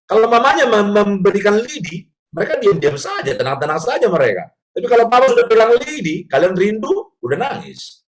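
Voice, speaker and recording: A man telling family stories as a guest on a parenting talk show, animated and acting out scenes, with an Indonesian accent. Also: sits high, fairly quick, a crowd in the background. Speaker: guest speaker, father.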